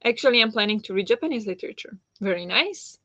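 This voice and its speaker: A fast-talking woman, Slovak by first language, chats with her book live stream audience, reading out comments and replying warmly with frequent fillers and laughs. Her middling-pitched voice has lively intonation, and the plain home recording is dry and a little dull, with no room sound.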